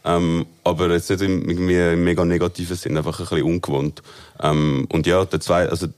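A man with a Swiss German accent in casual chat, co-hosting a song review with slangy, enthusiastic, halting talk. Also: low-pitched, little pitch movement, a little mellow. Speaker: podcast co-host reviewing songs.

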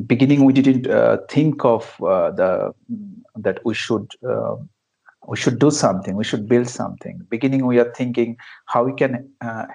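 A man from Bangladesh, founder of an education project, gives conversational answers as an interview guest in a slow, gravelly, low and slightly mellow voice. He sounds hesitant, with many fillers, restarts, and non-native phrasing, and the audio is poor.

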